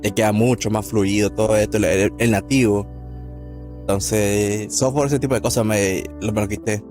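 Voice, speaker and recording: A man's voice: on the low side, steady tone, normal speed, a little mellow. A man giving casual, off-the-cuff reaction commentary as a streamer. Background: music with guitar.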